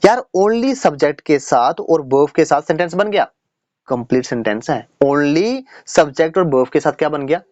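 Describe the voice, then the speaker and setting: A man's voice: on the high side, animated, moderate pace, darkish tone, no echo, dull audio. Chatty man teaching grammar. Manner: chatty, repeats points with "dekho yaar" and "theek hai na". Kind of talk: casual classroom-style lesson.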